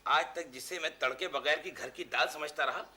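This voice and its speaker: An actor playing a jealous, excitable husband in a sitcom, talking in flustered exclamations. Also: male voice, moderate pace, background noise, natural voice. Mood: agitated. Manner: flustered, exclaiming, jumpy pitch. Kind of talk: sitcom acting.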